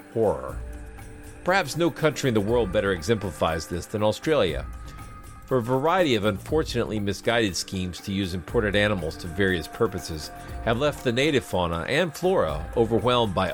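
A man hosting a podcast, reading scripted narration in a measured, storytelling way. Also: fairly low pitch. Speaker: podcast host. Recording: music behind the voice. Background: background music.

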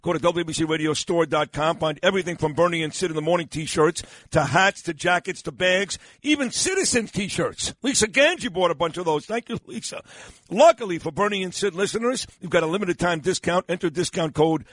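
A man's voice: sits high, fairly quick, fairly bright tone, dry recording. A man hosting talk radio in a blunt, teasing, casual way on a close studio microphone. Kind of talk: casual call-in radio banter and ad reads.

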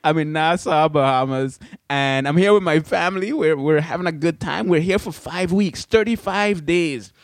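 A man's voice: fairly high pitch, moderate pace, no room sound, clean studio sound. A man from the Caribbean hosting a podcast in a casual, chatty way with frequent restarts and asides. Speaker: podcast host. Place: indoors away from his studio.

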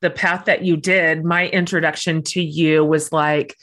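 A woman's voice: low-pitched, level tone, unhurried. Effusive woman podcast host. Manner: effusive, warm praise, earnest. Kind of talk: podcast interview.

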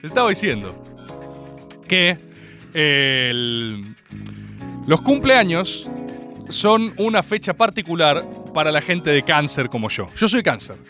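Rioplatense guy hosting radio, jokey rant, high and super lively voice. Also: slow pace, long pauses, music in the background. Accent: Rioplatense Spanish. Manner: animated, joking, rants with swearing. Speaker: radio host. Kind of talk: comedic radio monologue.

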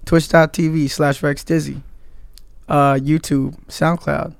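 A man's voice: a little high, level tone, takes it slowly, creaky, clean tone, no echo. A man in his thirties co-hosting a casual podcast, blunt and slangy with plenty of swearing. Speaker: podcast co-host.

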